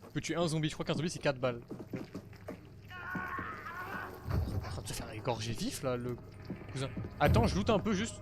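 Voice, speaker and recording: A male streamer giving excitable, slangy gaming commentary to his viewers, swearing now and then. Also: mid-range voice, brisk, pauses often, loud music behind the voice.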